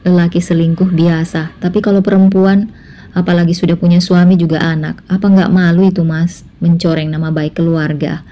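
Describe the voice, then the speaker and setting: A woman's voice: on the low side, level tone, fairly quick, mellow, close to an everyday voice. A woman voicing an eager, insistent young second wife in a spoken family drama story. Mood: pushy.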